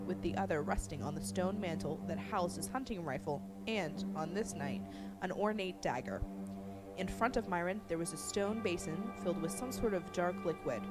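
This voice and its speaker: A woman storyteller narrating a horror story in a suspenseful way, growing hushed at tense moments. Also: on the low side. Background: music.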